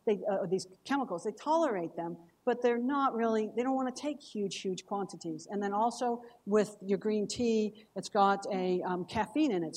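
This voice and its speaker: A woman's voice: mid-range voice, darkish tone. A woman giving a scientific lecture as a cancer researcher, explaining in a conversational way and checking in with her audience. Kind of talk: academic lecture.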